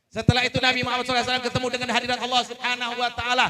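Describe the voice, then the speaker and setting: A man with a Banjar Malay accent preaching a sermon, telling a religious story and then leading a loud, chanted prayer. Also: extremely high pitch, completely flat delivery, very fast.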